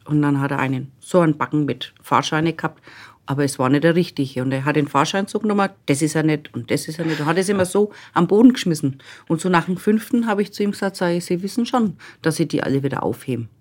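A woman's voice: sits low, fast talker. A middle-aged woman, telling work anecdotes in a podcast interview in a blunt, matter-of-fact way. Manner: blunt, matter-of-fact storyteller who acts out dialogue. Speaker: transit service staff member.

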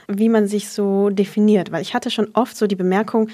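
A woman in her twenties co-hosts a casual podcast. Her pitch sits in the middle range. She keeps the talk going with curious, probing questions. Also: steady tone, brisk, warm tone. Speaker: podcast co-host.

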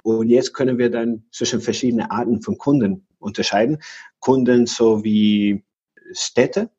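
Man from Venezuela, husky voice, dull lo-fi sound, halting with fillers. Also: mid-range voice, fairly even intonation, dark tone. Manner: searching for words, many fillers and restarts. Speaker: futurist guest. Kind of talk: podcast interview.

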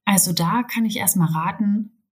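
A woman's voice: medium pitch, moderate pace, slightly rough. A woman from Berlin, a birth doula, explaining things thoughtfully as a podcast guest. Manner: thoughtful, explanatory, many fillers. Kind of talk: podcast interview.

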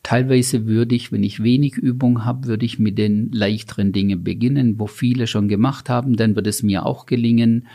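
A middle-aged man, a company founder, giving measured, deliberate interview answers that he sets out in lists. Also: mid-range voice, fairly even intonation, creaky, dark tone. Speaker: company founder and guest expert.

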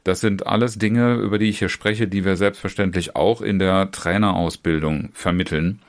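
Addressing the listener directly, a man with a very low voice and fairly even intonation gives an informal instructional talk to other trainers about online seminars. He's a trainer and trainer educator whose sentences run on in long chained clauses, often restarting phrases or filling pauses with short hesitation sounds.

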